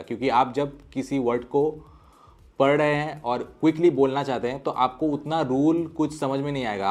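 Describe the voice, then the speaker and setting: A man teaching a language lesson. He reads foreign words aloud one at a time, then explains the pronunciation rules, dropping English words into his talk. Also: mid-range voice.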